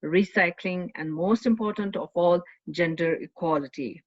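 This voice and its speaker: A woman's voice: lowish voice, moderate pace, no echo, lo-fi sound. A woman reading an award tribute in an earnest manner, stumbling now and then. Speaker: award presenter. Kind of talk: read award presentation.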